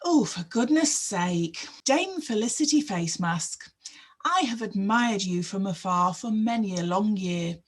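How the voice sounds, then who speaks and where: Hans, a woman playing a husky bumbling suitor. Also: mid-range voice, animated, a little slow. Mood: earnest. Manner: earnest, fumbling. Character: bumbling male suitor, earnest. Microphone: video call.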